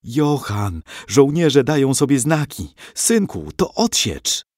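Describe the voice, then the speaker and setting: A man's voice: rumbling low, big pitch swings, slow, dark tone, no echo, studio quality, voice pushed down, heavily acted. Man voicing a worried mom, tender, storybook reading. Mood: urgent. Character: anxious loving mother of a boy.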